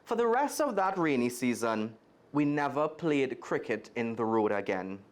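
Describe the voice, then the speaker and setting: A guest storyteller from Trinidad and Tobago reads a children's tale in a sing-song, mid-range voice at a moderate pace, his Trinidadian accent clear. He reads expressively and speaks directly to the young listeners.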